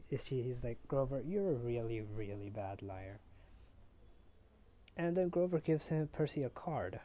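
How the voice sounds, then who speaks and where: A man's voice: mid-range voice, animated, mellow. Young man casually recapping a book chapter. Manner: rambling, filler-heavy retelling with quick character voices. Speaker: podcast host. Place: bedroom, on a bed. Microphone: tablet built-in mic.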